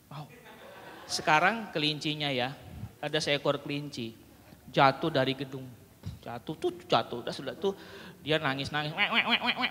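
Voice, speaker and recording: Animated, high-voiced male workshop trainer. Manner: animated and playful, shifts between coaching and acted storytelling. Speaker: public speaking trainer. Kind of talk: workshop lesson on storytelling for children. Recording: long hall reverb, faint room noise.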